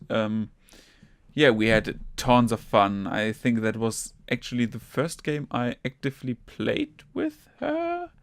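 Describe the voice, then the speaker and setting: In a clean studio recording with no room sound, a young German-accented man from Germany rambles through his casual gaming podcast. His voice is medium-pitched, and he fills his talk with fillers, self-corrections, restarts and offhand swearing.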